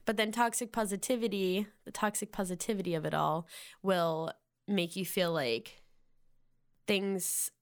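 A woman's voice: medium pitch, steady tone, measured pace, clear, resonant tone. A young woman in her twenties with a Valley Girl accent, hosting a casual solo podcast, rambling and filling her talk with "like". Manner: rambling, heavy use of "like" fillers. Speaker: podcast host.

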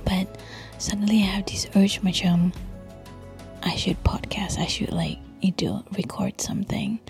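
A young Malaysian woman podcaster in a casual, hushed, whispered monologue, chatty and breathy, sprinkling in Malay slang. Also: medium pitch, level tone, a little slow, faint music behind. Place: quiet bedroom at home at night.

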